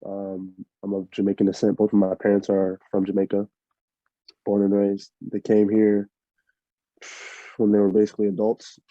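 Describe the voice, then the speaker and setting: A young man from Miami, a fighter answering interview questions in a relaxed, rambling way full of fillers. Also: lowish voice, moderate pace, no echo. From Miami, USA. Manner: laid-back, rambling with many fillers. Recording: muffled lo-fi audio.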